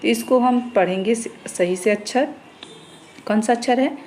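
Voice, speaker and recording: A woman teacher giving an online class to young children, reading words out slowly syllable by syllable. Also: fairly high pitch, darkish tone, a little hiss or hum, rough recording.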